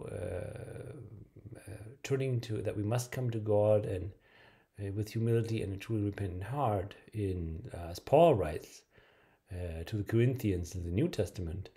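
A man's voice: low voice, dark tone. Hesitant middle-aged man preaching to camera. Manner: hesitant, many filler words and restarts. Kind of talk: video sermon to camera. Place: small bright room indoors.

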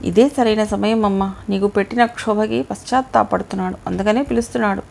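A woman's voice: mid-range voice, steady tone, brisk, vocal fry, a little mellow, a little hiss or hum, lightly acted. A woman reading a bitter, defiant young son. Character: hot-blooded young man, bitter son.

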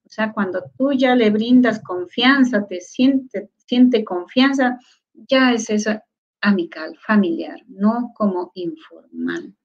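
A woman teaching a lecture on Quechua, sounding out syllables slowly and often stopping to ask whether her listeners follow. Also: medium pitch, highs cut off. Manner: asks many rhetorical check questions. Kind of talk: online lecture.

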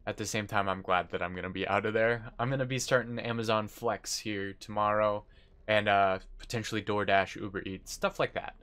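Sitting at a desk indoors, a young American man streams a game and chats casually, replying to his viewers. His voice is lowish and a bit bright, with faint game music in the background.

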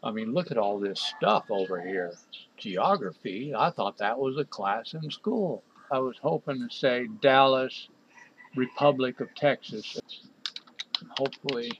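Casting note: man, mid-pitched, exasperated software walkthrough narration, faint room hiss. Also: expressive, a little slow, muffled recording. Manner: exasperated, talks to himself while clicking. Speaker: software developer reviewing a program. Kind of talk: screen-recorded software walkthrough.

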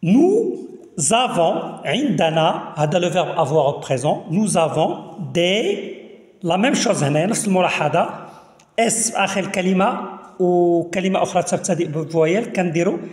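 A man with a Moroccan Arabic accent teaching French. He reads the words slowly, repeats them and explains each one to his listeners. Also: sits high. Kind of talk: language lesson explaining in Arabic. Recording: echoey room with long reverb.

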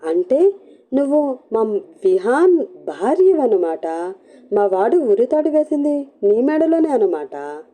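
A woman's voice: a little high, lively intonation, normal speed, mellow, natural voice. A woman voicing a joking, teasing young wife in a storybook reading. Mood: eager.

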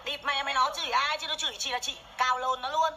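A woman's voice: sits high, fairly even intonation, fast, background noise. A woman, ranting furiously and swearing nonstop during a makeup livestream on her phone. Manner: foul-mouthed, furious, scolding. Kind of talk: angry livestream rant. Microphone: phone camera during makeup livestream.

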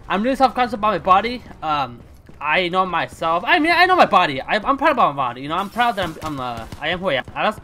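A young man hosting his gaming channel, chatting casually and reacting out loud as he plays. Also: high voice. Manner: excitable, chatty, swings between hushed focus and loud outbursts. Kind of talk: casual gameplay commentary.

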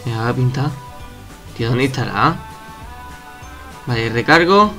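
A young man giving casual, excitable commentary over his own gameplay at home, swearing and shouting at opponents. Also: mid-range voice, a little slow, soft background music. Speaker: gaming youtuber.

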